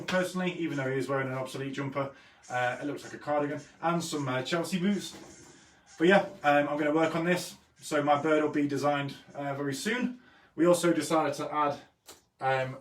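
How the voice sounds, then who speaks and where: Man, slightly high voice, w-like r's, easygoing drawing host, casual live-stream chat, roomy and distant mic. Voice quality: says w for r. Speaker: host of an online drawing lesson. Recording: roomy echo, distant mic, faint noise.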